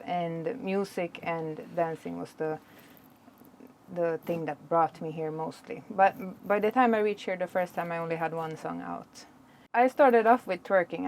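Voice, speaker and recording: Low-voiced Swedish woman, chatty. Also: slight background noise. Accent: Swedish with Jamaican patois touches. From Sweden. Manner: chatty, laughs easily, animated storytelling. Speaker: dancehall artist. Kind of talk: casual interview answers.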